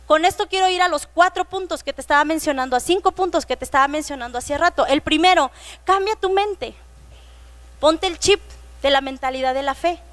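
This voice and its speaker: A woman with a Mexican Spanish accent delivers a sermon in a high voice, slowing down to read scripture with emphasis. She retells stories and briefly puts on the voices of children. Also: a bit bright. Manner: reads scripture slowly and emphatically. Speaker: preacher.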